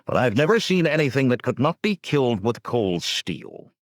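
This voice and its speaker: A man voicing a confident male barbarian warrior who speaks calmly with dry mockery. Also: medium pitch, normal speed, dry recording, pitched above the performer's own voice.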